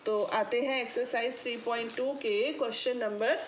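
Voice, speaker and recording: A woman's voice: on the high side, steady tone, moderate pace, slight background noise. A woman teaching a maths lesson in a patient, explaining way, often checking whether her students have understood and calling them child. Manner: addresses students affectionately as child. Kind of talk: classroom explanation.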